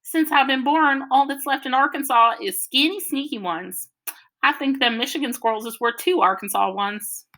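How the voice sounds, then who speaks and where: A woman's voice: high-pitched, normal speed, a bit bright, voice pushed up. A woman voicing a chatty, friendly country boy from Arkansas with a rural Southern drawl. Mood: boastful, chatty. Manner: eager, drawling, talks nonstop. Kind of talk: audiobook character voice.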